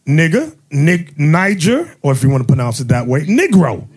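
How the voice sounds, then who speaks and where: A man acting as bishop and host, preaching in a fiery way, mocking and often shouting. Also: medium pitch, sing-song, a little fast, breathy edge.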